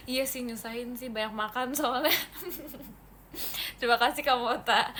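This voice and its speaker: A woman's voice: a little high, fairly bright tone, slight background noise. A woman livestreaming to fans in a casual, playful chat, reading comments aloud and mixing in English words.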